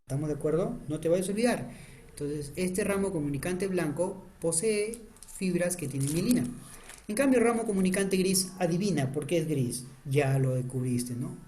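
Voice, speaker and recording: A man with a high-sitting, slightly mellow voice teaches an online anatomy lecture at normal speed, drawing on a diagram. He quizzes students and answers his own questions, urgently and repeatedly telling them to pay attention.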